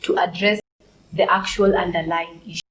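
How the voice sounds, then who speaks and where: A woman's voice: lowish voice, steady tone, normal speed, low-quality recording. A woman with a Kenyan accent speaking on a church family panel, reflective and asking searching questions.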